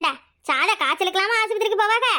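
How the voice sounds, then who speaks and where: Woman voicing a shrill nagging mother-in-law. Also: animated, very fast, sharp tone, exaggerated voice. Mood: scolding. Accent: Kanyakumari Tamil. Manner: nagging, sarcastic. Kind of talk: cartoon comedy acting.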